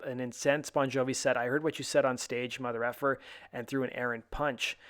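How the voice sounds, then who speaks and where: Man reading out rock news. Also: mid-range voice. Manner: even, conversational news reading with occasional "uh"s. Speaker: host of a rock news channel.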